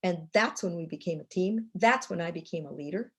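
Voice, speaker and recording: A woman's voice: lowish voice, brisk, slightly rough. An older woman telling a story as a guest speaker in a fireside chat. She restarts and repeats words as she goes.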